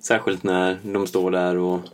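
A man's voice: sits low, monotone. A man co-hosting a casual podcast chat, making dry, wry remarks. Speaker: podcast co-host.

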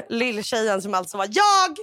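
Podcast co-host: middle-aged woman, lively storyteller who acts out her quotes, dry close mic. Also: a little high, no room sound. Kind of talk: casual podcast chat.

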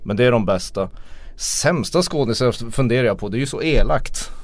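A man's voice: mid-range voice, lively intonation, no echo. A man co-hosting a casual podcast, hesitant and given to stammering restarts. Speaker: podcast co-host.

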